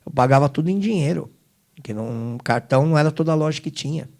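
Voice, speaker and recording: A middle-aged man, a guest singer giving an emotional testimony, swinging between loud emphasis and hushed low asides. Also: fast.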